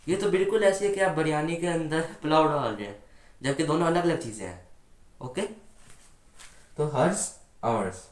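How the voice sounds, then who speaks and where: A man with a slightly high voice teaches grammar in an echoey room. His classroom explanation is patient, and he often asks the students questions before answering them himself.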